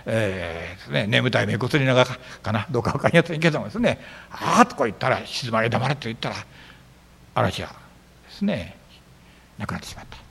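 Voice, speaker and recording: Animated male pastor preaching. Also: mid-range voice, fast, vocal fry, pauses often, breathy edge, in a large hall. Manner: animated storytelling, acting out biblical dialogue. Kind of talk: sermon. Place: church sanctuary.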